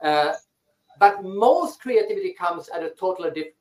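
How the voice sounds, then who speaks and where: This man from Sweden has a high, expressive, slightly mellow voice and talks at normal speed, with a little hiss or hum on the line. As an interview guest, he answers thoughtfully and often restarts his words. He's on his island house's rooftop, heard through echoey online audio.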